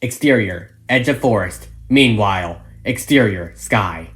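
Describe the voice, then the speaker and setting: Reading all the roles and stage directions of a fan audio drama, this narrator tells the story dramatically over background music. The voice is mid-range and fairly bright, a little slow, with lively intonation.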